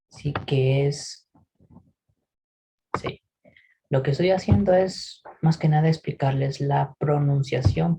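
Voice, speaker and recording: A man teaching English pronunciation in a recorded lesson, patiently explaining and often checking in with a quick "¿sí?". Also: on the high side, vocal fry, mellow, a little hiss or hum, poor audio. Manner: models English words slowly for repetition.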